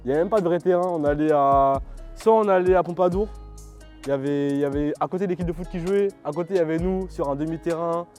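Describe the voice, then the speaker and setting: A man's voice: a little high, fast, a little mellow, soft background music. A man talking casually in an interview, with slangy, loose speech, about training with a teammate.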